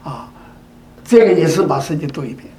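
A man's voice: a little high, animated, brisk, warm tone. An older man giving a sermon, speaking in repeated phrases and asking rhetorical questions such as whether the listeners agree. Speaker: preacher. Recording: echoey room.

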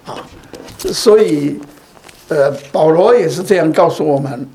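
A man delivers a sermon to his congregation, his voice sitting a little high. He circles back over his phrases and keeps asking rhetorical questions as he goes. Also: measured pace, mellow. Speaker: preacher.

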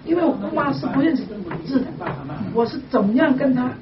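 A woman's voice: sits high, brisk, a crowd in the background. A woman caller earnestly sharing a personal testimony and asking for advice. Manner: earnest, retells prayers and calls. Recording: distant echoey muffled line with noise.

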